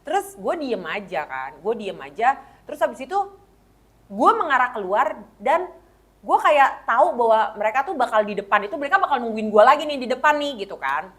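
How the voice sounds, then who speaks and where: A woman's voice: a little high, very animated, brisk, fairly bright tone. A woman, co-hosting a casual chat and telling a story animatedly, acting out the quotes. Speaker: co-host.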